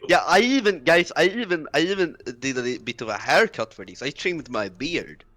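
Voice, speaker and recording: A man playing in a tabletop game, joking and excitable in banter. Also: on the high side, normal speed. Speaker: player.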